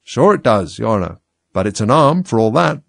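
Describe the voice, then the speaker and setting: A man's voice: medium pitch, big pitch swings, moderate pace, gravelly, no room sound, clean studio sound. A man voicing a humble, dim male animal servant, deferential and plodding, in a storybook. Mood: servile, reluctant. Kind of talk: storybook character voice.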